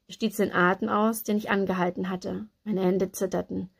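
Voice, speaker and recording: A woman reads a novel aloud in a steady, even storytelling manner. Her voice sits at a middle pitch for a woman. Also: moderate pace, creaky, slightly rough. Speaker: book reader.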